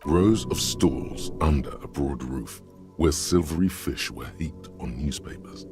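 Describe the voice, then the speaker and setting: A grave, ominous narrator of a video game, speaking from an extremely deep place with a rough, gravelly edge. He describes the scene slowly, weighing every word. Game music plays underneath him. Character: omniscient male inner narrator, grave and brooding.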